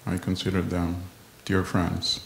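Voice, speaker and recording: An older man on a panel discussion, emotional and choked up, speaking slowly and formally. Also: low voice, completely flat delivery, vocal fry, slight background noise. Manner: slow and formal. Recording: echoey hall with faint clicks.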